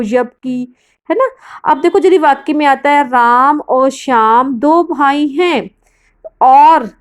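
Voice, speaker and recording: A woman teacher explaining grammar to her students in a recorded lesson, patient and explanatory, often asking questions and answering them herself. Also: sits high. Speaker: school Hindi teacher.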